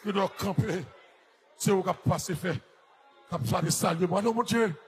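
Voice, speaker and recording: A man with a Haitian accent preaching a fiery shouted sermon as pastor, chanting and half-singing repeated refrains to the congregation. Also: high voice, normal speed. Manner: repetitive call-and-response lines. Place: church service. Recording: loud church music and crowd noise. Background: live music and congregation.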